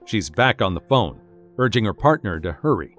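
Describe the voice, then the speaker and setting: A man's voice: on the low side, sing-song, moderate pace, fairly bright tone, shouting, faint music behind. A man reading a scripted narration with a wry, dramatic storytelling manner.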